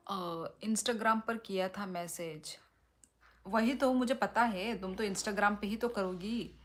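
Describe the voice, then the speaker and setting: Woman live streaming, reads comments and teases back, talks real slow. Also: mid-range voice. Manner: unhurried, teasing, reads comments aloud and answers. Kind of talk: casual live-stream chat.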